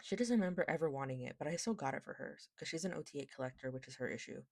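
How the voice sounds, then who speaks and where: A woman's voice: low voice, expressive, rapid-fire, creaky, a little mellow, no room sound, studio quality. A woman with a lisp that makes her s slushy, chatting casually and rambling, often interrupting herself. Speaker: vlogger, K-pop collector. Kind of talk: casual rambling haul chat.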